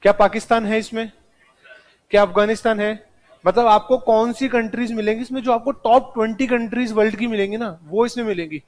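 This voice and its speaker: A man's voice: sits high, steady tone, fairly quick. A man teaching a live classroom lecture, speaking straight to his students and mixing in English terms.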